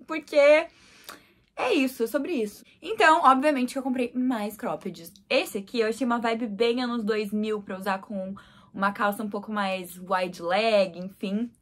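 A young woman with a Brazilian accent talks through a clothing haul in a high, bright voice. She gushes and repeats words for emphasis, shivering from the cold as she goes. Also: measured pace. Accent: Brazilian Portuguese. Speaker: fashion vlogger. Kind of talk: casual clothing haul vlog.

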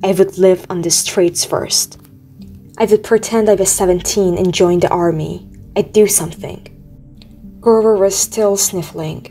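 Mellow-voiced woman narrating an audiobook. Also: mid-range voice, fairly even intonation, measured pace. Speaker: audiobook reader. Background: faint music.

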